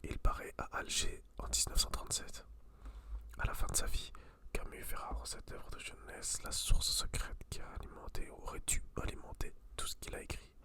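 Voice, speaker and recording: A person whispering in a hushed library whisper, chatting casually about books and reading aloud in an intimate ASMR style. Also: moderate pace. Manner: informal, slangy. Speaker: host reviewing books.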